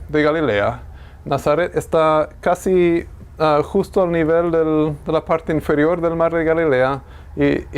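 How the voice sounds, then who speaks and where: A man's voice: a little high, clean tone. A man teaching a classroom Bible lesson, thinking aloud, correcting himself and asking the class questions.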